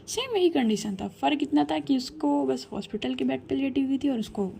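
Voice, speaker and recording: A woman's voice: high voice, animated, a little fast, gravelly, warm tone, a little hiss or hum. A woman casually retelling a love story, chatting directly to her listener. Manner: chatty, addresses listener as brother.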